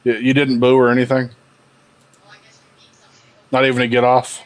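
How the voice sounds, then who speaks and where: A man's voice: mid-range voice, completely flat delivery, moderate pace. A man improvising narration as game master of a tabletop game in a casual style.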